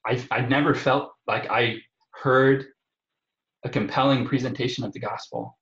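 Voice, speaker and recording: A man from Nebraska talking conversationally as a podcast guest, in a halting way, repeating words as he goes. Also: mid-range voice, steady tone, a bit bright. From Omaha area, Nebraska. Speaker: podcast guest, parish evangelization coordinator. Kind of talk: conversational personal testimony. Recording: slightly dull, roomy sound.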